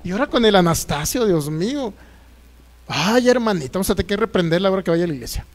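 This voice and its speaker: A man's voice: sits high, animated, fast talker, voice pushed down. A man with a Mexican accent voicing a gossiping churchgoer who tuts over a sister's romances. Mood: scandalized. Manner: scandalized, tut-tutting.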